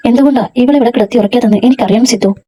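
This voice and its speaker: A woman's voice: fairly high pitch, rapid-fire, mellow, slightly rough. A woman reading the lines of an emotional, insistent young woman in a storybook. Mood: angry. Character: young woman pleading then jealous.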